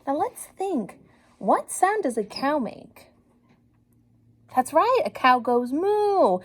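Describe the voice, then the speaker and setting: High-voiced and teacherly, a woman reads a story aloud to children. She keeps an encouraging, animated tone and regularly stops to ask the young audience questions.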